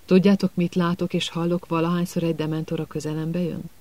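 A man's voice: fairly high pitch, level tone, a little mellow, dry recording, close to an everyday voice. A man voicing a brooding, stubborn teenage boy in a storybook reading, terse and tense.

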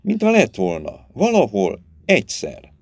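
A man's voice: mid-range voice, huge pitch swings, no echo. A man voicing a frightened, bewildered young woman. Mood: fearful, bewildered. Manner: hesitant, fearful, halting.

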